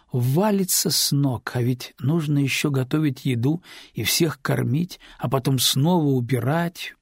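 Husky male audiobook narrator, dry sound. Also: fairly high pitch, dry recording. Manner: steady, measured storytelling. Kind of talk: scripted narration. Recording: dry close studio read.

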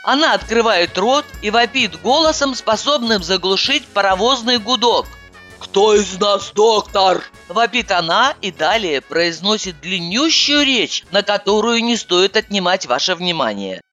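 A woman narrates a comic novel in the first person. Her bright voice rises and falls a great deal, and the heroine's lines come out as exasperated outbursts. Faint music plays under the reading. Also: mid-range voice, lively intonation, moderate pace, few pauses. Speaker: audiobook narrator.

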